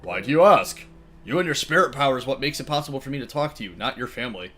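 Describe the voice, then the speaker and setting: A man reading the lines of a protective male guardian tiger spirit aloud in a soft, formal, old-fashioned way. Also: mid-range voice, animated. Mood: calm. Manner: formal, old-fashioned wording, read slowly and softly. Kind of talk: reading visual novel dialogue aloud.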